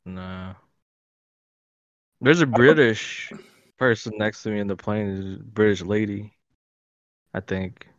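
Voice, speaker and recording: A man's voice: fairly low pitch, slow, pauses often, no room sound, muffled recording. A man co-hosting a casual podcast, joking around and trying out silly accent voices. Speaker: podcast co-host. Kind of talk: casual chat.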